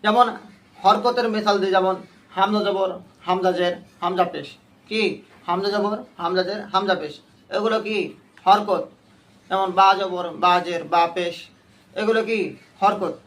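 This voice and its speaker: A man's voice: high voice, fairly even intonation, normal speed, long pauses, fairly bright tone. A man teaching a Quran reading class, quizzing his students with short repeated questions and waiting for them to answer together. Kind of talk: call-and-response class lesson.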